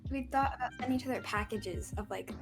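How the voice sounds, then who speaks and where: A woman's voice: high voice, quick pace, over music. A young woman from the United States, a podcast guest, chatting casually and stumbling over her words. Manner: hesitant, stumbling, repeats words. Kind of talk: casual chat.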